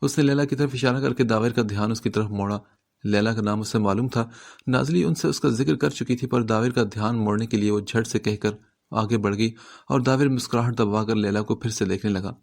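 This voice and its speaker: A man reading a novel aloud as an audiobook narrator, with a steady storytelling delivery. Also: fairly low pitch, vocal fry.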